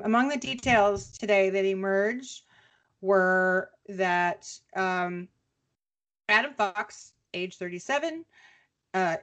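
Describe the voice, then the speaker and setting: A woman podcast co-host chatting casually and recapping news, with relaxed, hesitant pauses. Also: mid-range voice. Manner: conversational, relaxed with many "um" pauses.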